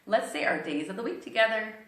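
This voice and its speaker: A woman's voice: medium pitch, expressive, fast, fairly bright tone. A woman with an encouraging, sing-song kindergarten-teacher voice, leading young children through a read-aloud and circle-time lesson. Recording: roomy, echoing indoor sound.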